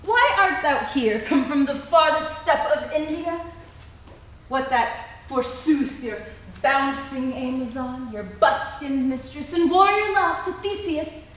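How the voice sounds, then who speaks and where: Proud fairy queen played by a woman, high voice, declamatory stage Shakespeare, indignant, recorded far off in an echoey hall. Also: lively intonation, slow pace. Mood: scornful. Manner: theatrical, declamatory stage delivery. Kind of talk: Shakespearean verse stage acting.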